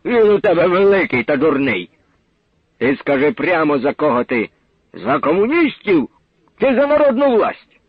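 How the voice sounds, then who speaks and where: A man voicing rowdy hostile deserters who yell and mock a woman speaker. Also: on the high side, sing-song, moderate pace, husky, no echo, narrow, tinny audio, exaggerated voice. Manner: yelling, mocking.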